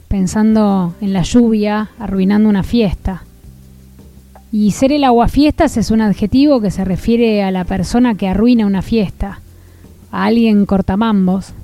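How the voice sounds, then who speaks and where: Mellow-voiced Argentine woman hosting. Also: mid-range voice. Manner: calm, reflective, asks listeners questions. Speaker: podcast host. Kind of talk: scripted narration.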